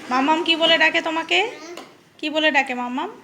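High-voiced young mother coaxing her child. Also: steady tone, normal speed, bright, forceful tone, slight background noise. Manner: coaxing, repeats questions to her small child. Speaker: vlogger and mother. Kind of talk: casual home vlog. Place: family home.

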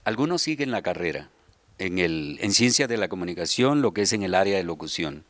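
Speaking briskly with lively intonation, this low-voiced, middle-aged Guatemalan man has a slightly bright tone and no echo around him. He's a children's radio theater subdirector and voice announcer giving explanatory interview answers into a handheld mic in a big indoor hall where a group sits.

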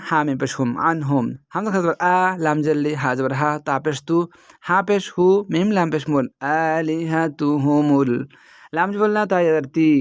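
A man's voice: a little high, dry recording, muffled recording. A man teaching how to read the Quran, spelling each letter and vowel sign in short chanted steps and explaining the reading rules. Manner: slows into drawn-out melodic recitation for the verses. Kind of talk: letter-by-letter spelling lesson with slow recitation.

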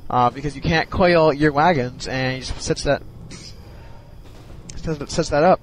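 A man's voice: on the high side, measured pace, slight background noise, rough recording. A man giving casual commentary on a strategy game replay, sounding sleepy and hesitant, with many ums and restarts. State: sleepy, yawning.

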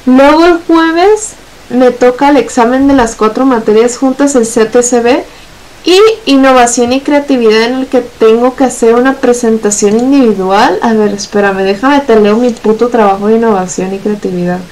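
A young woman with a Mexican accent chatting casually on a stream, blunt and swearing a lot, talking in long rushed runs. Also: on the high side, darkish tone, low-quality recording. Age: young adult. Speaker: guest on a gameplay stream. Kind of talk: casual chat.

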